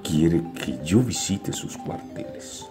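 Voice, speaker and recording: A man's voice: sits low, over music, pitched above the performer's own voice. A man doing a grave, stoic prisoner. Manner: grave, measured. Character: stoic condemned prisoner, a grave calm father.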